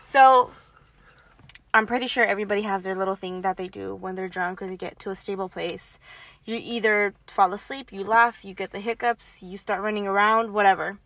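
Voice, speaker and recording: Young woman cohost, bright voice, swears a lot, animated storytelling, dry mic. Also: mid-range voice, fairly quick, no room sound. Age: young adult. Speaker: podcast co-host. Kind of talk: casual chat.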